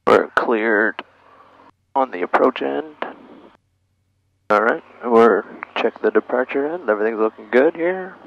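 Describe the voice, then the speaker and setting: Narrating his own flight from a small airplane cockpit, a man thinks aloud in short procedural phrases and makes radio calls over an aviation headset. His mid-range voice is creaky and expressive, unhurried, with long pauses. The audio sounds dull, with faint engine and radio noise.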